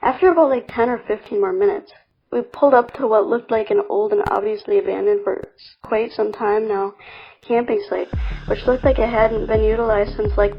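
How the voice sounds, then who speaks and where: A woman's voice: medium pitch, vocal fry, highs cut off. Casual woman narrating a horror story. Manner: casual, conversational with fillers. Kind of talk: first-person story narration.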